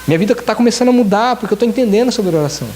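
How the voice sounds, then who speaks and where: A man's voice: sits high, expressive, racing, darkish tone, faint music behind. A man, a church elder, preaching a sermon and pleading earnestly with the congregation, often repeating key phrases. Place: church service in Japan.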